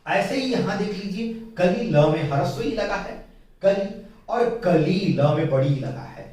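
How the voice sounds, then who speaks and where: A man teaching a Hindi spelling lesson, explaining slowly and repeating his key points with patience. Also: sits high, animated, darkish tone. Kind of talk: whiteboard grammar lesson. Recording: very echoey room, mic at a distance.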